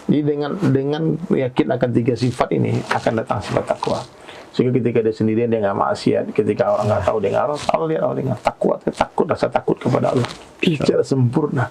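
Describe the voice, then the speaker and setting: Gravelly-voiced man preaching. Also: mid-range voice, quick pace, slight background noise. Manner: animated storyteller, preaching. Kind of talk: storytelling and religious talk. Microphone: podcast microphone.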